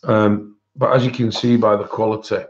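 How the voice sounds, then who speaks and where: Male livestream host, lowish voice, can't quite say his R's, informal chat, dull sound. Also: flat delivery, normal speed. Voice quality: cannot pronounce his R's properly, says w for r. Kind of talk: casual live-stream chat, showing colouring books. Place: indoors at a desk, overhead camera on hands.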